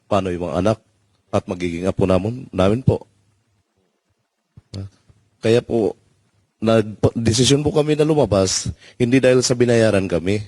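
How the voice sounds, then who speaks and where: Deep-voiced earnest former soldier. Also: male voice, moderate pace, pauses often, warm tone, no room sound. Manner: earnest, deferential, peppers speech with sir.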